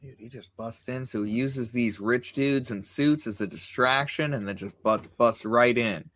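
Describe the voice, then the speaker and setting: Bright-voiced guy co-hosting, playful, lots of teasing questions. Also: medium pitch, moderate pace, dry recording. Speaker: podcast co-host. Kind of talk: casual chat.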